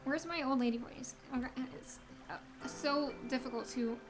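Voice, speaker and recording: A woman with a high voice plays a video game and comments on it in a casual, chatty way. Music plays along behind her. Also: moderate pace, low-quality recording. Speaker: gamer playing and commenting. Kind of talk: casual let's play commentary, reading game dialogue aloud.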